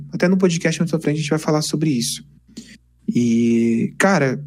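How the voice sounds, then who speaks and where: A young man, casually telling lively stories on a podcast. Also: on the high side. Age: 20s. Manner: animated, chatty, peppers speech with "cara". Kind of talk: casual storytelling chat.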